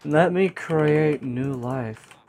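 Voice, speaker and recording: Man putting on an unhinged, creaky evil villain. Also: a little high, extremely slow, darkish tone, a little hiss or hum, heavily acted. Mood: sinister, grand. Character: evil otherworldly villain granting costly powers. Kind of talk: improvised game role-play.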